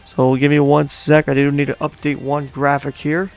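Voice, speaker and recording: A man hosts an online wrestling show, calling out to the folks and running through the schedule. His voice sits a little high. Soft music plays behind him. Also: monotone, normal speed, gravelly. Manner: hype announcer tone, addresses folks, chatty with co-host. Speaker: show host and commentator.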